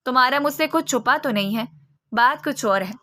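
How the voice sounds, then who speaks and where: Woman reads a calm, comforting young friend in a storybook, soft and bright. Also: high voice. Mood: soothing. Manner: soft, soothing.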